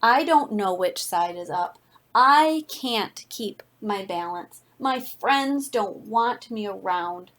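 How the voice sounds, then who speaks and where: A woman's voice: mid-range voice, expressive, takes it slowly, fairly bright tone. A woman voicing a restless, childlike talking shape in a storybook, with an earnest delivery. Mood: fed up, pleading.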